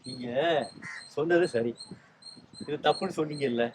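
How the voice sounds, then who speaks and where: Teaching spelling and language rules to a small group, this man stays patient and explanatory, checking understanding by asking questions again and again. His pitch is fairly high, his pace moderate, with background noise.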